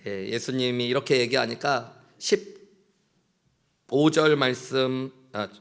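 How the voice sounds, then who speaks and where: A man's voice: mid-range voice, takes it slowly, vocal fry, a little hiss or hum. A male pastor preaching a sermon in church, earnest, acting out prayers and bits of dialogue. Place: church sanctuary.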